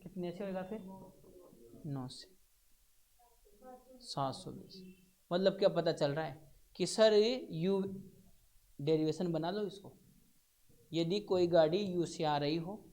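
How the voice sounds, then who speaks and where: A man's voice: high voice, darkish tone. Man teaching a physics class. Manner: questioning students step by step. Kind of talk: classroom lecture.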